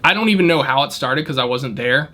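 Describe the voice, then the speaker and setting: Animated, bright-voiced man telling a story. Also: mid-range voice, quick pace. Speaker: valet worker telling a story. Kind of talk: casual storytime vlog.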